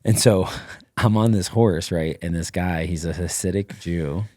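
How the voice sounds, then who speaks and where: Deep-voiced man telling a rambling story. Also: unhurried, dry recording, clean studio sound. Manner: rambling, energetic storyteller heavy on fillers. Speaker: podcast guest, former Navy SEAL. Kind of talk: casual interview storytelling.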